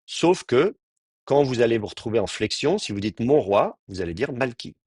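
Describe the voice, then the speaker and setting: A man's voice: mid-range voice, very animated, normal speed, a little mellow, husky, no echo, studio quality. A man teaching a grammar class, explaining patiently and often restarting his sentences. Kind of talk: Hebrew grammar lecture.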